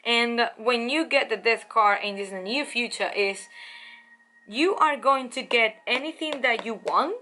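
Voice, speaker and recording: A woman giving a casual tarot reading to camera, chatty and excitable, speaking straight to the listener. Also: fairly high pitch. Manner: excitable, chatty, with frequent laughs and fillers; addresses the listener warmly and directly. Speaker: tarot reader.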